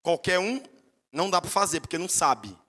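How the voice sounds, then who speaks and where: A man's voice: high voice, animated, fairly quick, sharp tone, in a large hall. A man with a Brazilian accent, a pastor preaching a sermon and telling stories with emphatic rises in his voice.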